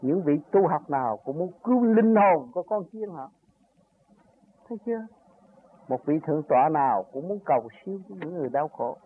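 A man's voice: on the high side, lively intonation, fairly quick, husky. An older man giving an earnest, rambling spiritual talk that rises to emphatic peaks as he recounts his own journey. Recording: tinny phone-like recording with faint noise.

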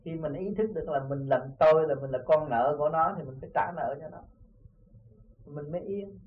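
A Southern Vietnamese man with a high voice for a man teaches disciples in an earnest, conversational way, telling parables and checking that they follow. The sound is thin and phone-like, picked up from some distance away, as on an old tape recording. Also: fairly quick. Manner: earnest, repeatedly asks "see?". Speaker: spiritual teacher. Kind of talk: informal dharma talk with parables.

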